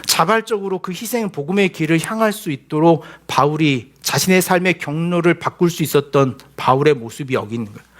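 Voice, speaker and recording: A man's voice: fairly high pitch, fairly bright tone. A male pastor giving a sermon in a conversational, humorous way, acting out little quoted voices as he goes.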